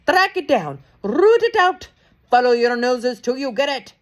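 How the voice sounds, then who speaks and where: Grand High Witch: a woman putting on a shrill, bossy witch queen. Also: sing-song, a little slow, dark tone. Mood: furious. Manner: imperious, barking orders. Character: commanding, cruel elderly witch queen.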